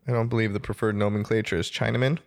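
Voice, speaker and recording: A man's voice: on the low side, little pitch movement, rapid-fire, gravelly. A man chatting casually, with dry, profane jokes. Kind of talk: casual chat.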